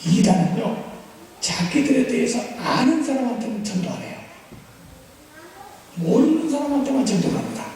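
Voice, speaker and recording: A man's voice: very high voice, big pitch swings, normal speed, pauses often, a little mellow. A man preaching as a pastor at a church seminar. He acts out little exchanges and drills the congregation with call-and-response practice. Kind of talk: sermon seminar. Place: church sanctuary. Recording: echoey church hall, voice far from mic, faint noise.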